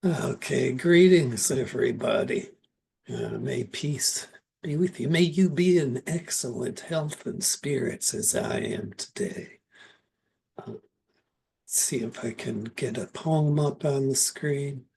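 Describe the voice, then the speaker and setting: A man reading poetry at an open mic over a video call, with deliberate, measured phrasing. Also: medium pitch, gravelly, a little mellow, slight background noise.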